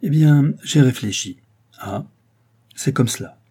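A man's voice: medium pitch, slow pace, mellow, breathy edge, voice pushed up. A man voicing a sly, scheming middle-aged man who feigns humble servility, talking in a fawning, wheedling way.

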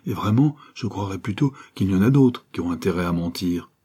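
A stubborn, coarse country poacher under accusation, voiced by a man reading the story aloud, pitched high above the narration and blurting out his answers. The tone stays dark and husky. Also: lively intonation, a little fast. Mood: defiant. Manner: blunt, exasperated outbursts.

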